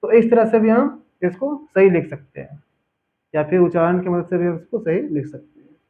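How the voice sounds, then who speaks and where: A man teaching a spelling lesson, patiently repeating each word slowly for his students. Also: high-pitched. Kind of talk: spelling lesson over a board. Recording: tinny phone-like audio.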